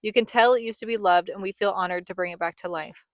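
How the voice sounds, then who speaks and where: A woman's voice: medium pitch, quick pace, dry recording. A young woman reading a scripted vlog voice-over in a reflective, earnest storytelling manner. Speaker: family vlogger, co-host.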